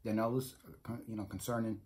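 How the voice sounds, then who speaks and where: Speaking fast in a lowish, level, slightly mellow voice, a middle-aged New York vlogger reviews food casually into a nearby phone or webcam at home in a small room. The talk rambles, with repetition and frequent restarts.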